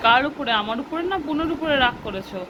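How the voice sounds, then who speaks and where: Young mom vlogging at home, high voice, sweet-talking the kids, lots of traffic noise behind. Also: female voice, animated, fast talker, muffled recording. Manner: coaxing and repetitive with her children, chatty aside to viewers. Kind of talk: casual home vlog, talking to her children and viewers. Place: at home, indoors. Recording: noisy home recording with vehicle sounds.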